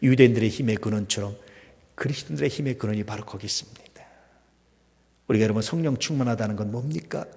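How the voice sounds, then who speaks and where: A man preaching a sermon as pastor, swinging between loud emphatic peaks and hushed near-whispers, full of rhetorical questions to the congregation. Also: lowish voice, fast talker, long pauses. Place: church sanctuary. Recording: long hall reverb.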